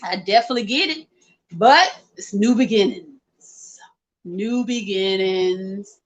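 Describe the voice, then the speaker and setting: A woman's voice: fairly high pitch, expressive, measured pace, lo-fi sound. A middle-aged woman talking informally to live viewers, rambling through advice and repeating points for emphasis. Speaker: livestream host. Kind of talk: casual chat to live viewers, giving advice.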